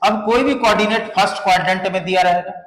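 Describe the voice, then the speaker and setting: A man's voice: high voice, fast, a bit bright, slight background noise. A man teaching a maths lesson who explains step by step and keeps asking the class rhetorical questions, mixing into his talk. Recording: echoey room.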